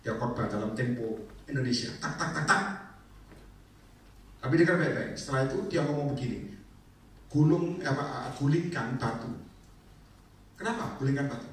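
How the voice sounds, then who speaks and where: A man preaching a lively, colloquial charismatic sermon to a congregation, teasing and exhorting them. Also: mid-range voice, fairly quick, pauses often. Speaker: evangelist. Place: prayer meeting hall. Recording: echoey hall, mic far off, faint noise.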